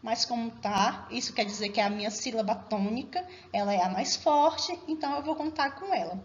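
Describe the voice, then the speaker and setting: A woman's voice: on the high side, moderate pace, lo-fi sound, slight background noise. A woman teacher giving a recorded class, explaining step by step and regularly checking that her students are following. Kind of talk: recorded remote class lesson.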